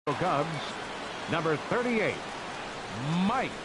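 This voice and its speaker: A formal ballpark announcer calls out players over the stadium loudspeakers in a somewhat high voice. He stretches each name with lively swoops of pitch. His voice carries from far off through heavy ballpark noise in a video game. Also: full character voice. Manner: drawn-out, formal announcing of names and numbers. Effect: heard through stadium loudspeakers. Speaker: stadium public address announcer. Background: crowd and ballpark ambience.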